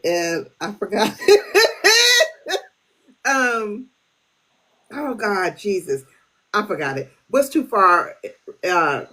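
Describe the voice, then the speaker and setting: Husky woman host with lively intonation. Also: mid-range voice, poor audio. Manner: informal, joking, slangy. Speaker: podcast host. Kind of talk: casual chat interview.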